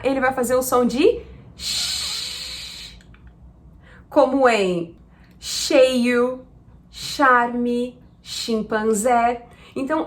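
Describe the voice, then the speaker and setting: A woman from Brazil teaching pronunciation, patiently spelling out sounds one at a time. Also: sits high. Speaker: English teacher. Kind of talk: explanatory lesson.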